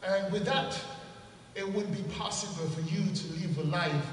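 A man in his forties from Cameroon with a Cameroonian accent, giving an earnest, measured inspirational talk into a handheld mic at an event. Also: sits high, recorded from a distance, a little hiss or hum. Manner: earnest, measured, repeats for emphasis. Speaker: motivational speaker. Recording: echoey hall, heard from afar.

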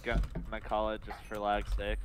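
A young man teammate on voice chat, making brief low-key remarks. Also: completely flat delivery, moderate pace, a loud crowd. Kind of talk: casual voice chat.

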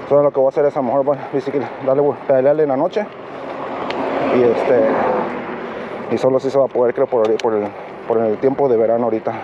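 Cycling at night on city streets, an English-speaking man narrates a casual vlog in Spanish he's still learning, halting and filler-heavy. His pitch is medium and his intonation fairly even. Dull action camera audio from the bike picks up traffic and road noise.

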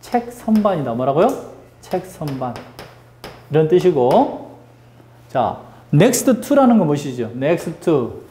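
A male English teacher giving a lively classroom grammar lesson, drilling students with call-and-response questions and teasing them. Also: fairly high pitch, slow, echoey room.

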